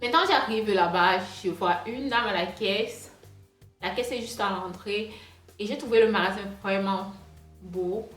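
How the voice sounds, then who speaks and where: A woman's voice: medium pitch, measured pace, fairly bright tone. A woman vlogger telling a storytime in a rambling, chatty way, speaking French with a noticeable non-native accent. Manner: rambling, chatty, many fillers and restarts. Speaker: hair vlogger. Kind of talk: casual storytime monologue. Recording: roomy echo with faint music.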